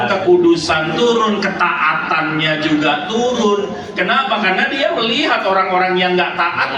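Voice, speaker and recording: Animated preacher man in an echoey church. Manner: lively storytelling preacher, pitch swinging high and low, calling for amens. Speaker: pastor. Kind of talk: sermon. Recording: echoey hall from far off, noisy.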